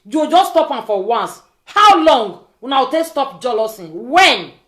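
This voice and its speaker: A woman's voice: sits high, sing-song, normal speed. A woman with a West African accent delivers an informal pidgin rant like a social media vlogger, scolding and repeating pointed rhetorical questions. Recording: echoey, roomy sound.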